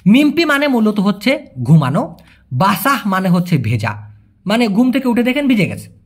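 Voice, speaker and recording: Brief: husky-voiced male teacher, chatty, animated up-and-down delivery. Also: sits high, normal speed. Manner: chatty, explains with repeated questions and jokes. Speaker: language teacher. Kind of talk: casual language lesson.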